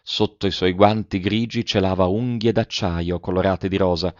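A man narrating a classic novel in a measured, steady reading. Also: deep voice, no room sound. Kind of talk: scripted literary narration. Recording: dull, dry recording.

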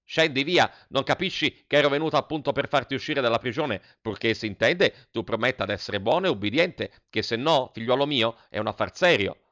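A man's voice: medium pitch, lively intonation, brisk, hardly any pauses, a bit bright, natural voice. A man voicing a pompous older headmistress who declaims dramatically. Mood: imperious. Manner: declaiming, imperious.

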